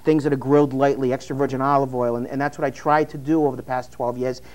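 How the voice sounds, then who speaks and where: Young Italian-born restaurateur, male, quick and rambling, average pitch. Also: level tone, a little mellow. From Italy. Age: 20s. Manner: eager, rambling, many restarts and "you know"s. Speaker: restaurant owner and chef. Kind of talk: TV interview guest.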